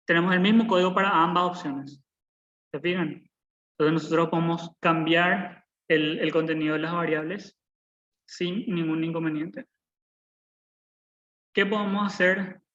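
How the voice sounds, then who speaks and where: A young man in his twenties teaches a live online programming class over a video call, his voice fairly high, steady and fairly bright, with the highs cut off. He speaks at a measured pace with long pauses, patiently repeating points and often checking in with his students by asking "¿verdad?".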